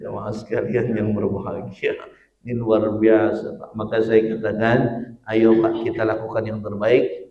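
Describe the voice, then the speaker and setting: A man's voice: medium pitch, darkish tone, lo-fi sound. A man preaching a dawn mosque sermon, joking with the congregation and building to fervent emphasis. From Cibitung, Indonesia. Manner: jokey, quizzes the congregation, rises to fervent emphasis. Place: mosque hall. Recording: echoey mosque, mic at a distance.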